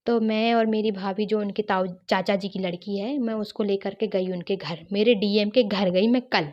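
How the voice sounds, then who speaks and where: A woman's voice: mid-range voice, steady tone, moderate pace, a little mellow, dull audio. A woman earnestly telling a personal story, retelling what others said to her. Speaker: guest sharing a personal testimony.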